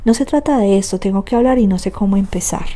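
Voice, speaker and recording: A guilt-ridden young man pours out a brooding, anguished confession, as a woman reading the book puts him on. The voice stays mellow and soft-edged, never harsh. It is a plain storybook reading. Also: mid-range voice, quick pace, natural voice. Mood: despairing.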